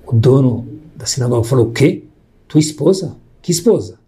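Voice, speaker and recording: A man telling a moral story as a sermon, lively and acting out the people in it. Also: mid-range voice, normal speed. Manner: lively storyteller, voicing characters in quotes.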